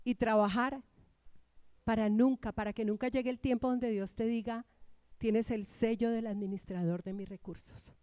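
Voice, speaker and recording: A woman's voice: a little high, steady tone, normal speed, mellow, clean tone, no room sound. A woman pastor from Colombia preaching an emphatic sermon in church, prompting the congregation to repeat after her.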